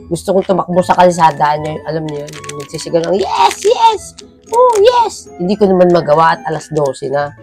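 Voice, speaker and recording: A woman with a low voice co-hosts a casual vlog. She talks to the viewers directly in a lively way and keeps her tone relaxed. Faint music plays in the background. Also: quick pace. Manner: animated, speaks directly to viewers. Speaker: vlogger co-host.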